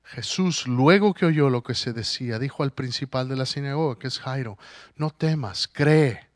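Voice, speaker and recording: A man preaching a sermon, telling the story with animated character voices and rising to emphatic declarations. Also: medium pitch, moderate pace, no echo, studio quality.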